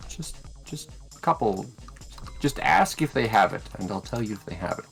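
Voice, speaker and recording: Creaky-voiced male game master. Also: on the low side, big pitch swings, moderate pace, a bit bright, soft background music. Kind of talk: casual tabletop game narration.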